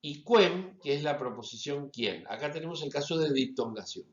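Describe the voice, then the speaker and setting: A man giving a lecture as a teacher, deliberately stressing each example word. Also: on the high side, animated. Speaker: Latin teacher. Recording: roomy, slightly dull recording.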